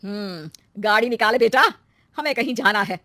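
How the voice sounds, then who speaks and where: A shrewd, patient older mother from a cartoon story, as a woman puts her on, speaking with motherly calm. The voice is mid-pitched, dry and close. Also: normal speed, no echo, natural voice.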